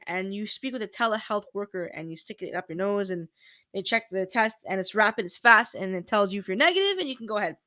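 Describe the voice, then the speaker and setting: A woman's voice: on the high side, pushed and bright, dry recording. A woman, casually explaining rules step by step in a chatty vlog. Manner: chatty, walks through steps point by point. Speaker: vlogger.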